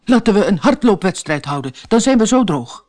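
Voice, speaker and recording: Woman doing a loud bossy dodo bird. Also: medium pitch, sing-song, fairly quick. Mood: commanding. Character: pompous big male dodo bird.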